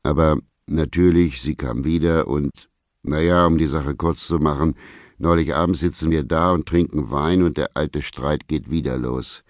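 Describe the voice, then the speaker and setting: Gruff male storyteller with a very deep voice, laconic and unhurried, dry close sound. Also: no echo. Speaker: audiobook narrator. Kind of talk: first-person literary narration.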